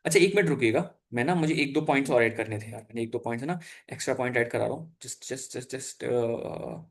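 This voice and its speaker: A young adult man with a mid-range voice talks rapid-fire while teaching an exam-prep geography lesson over slides. His style is casual and chatty, full of fillers and self-corrections, and he mixes in English terms.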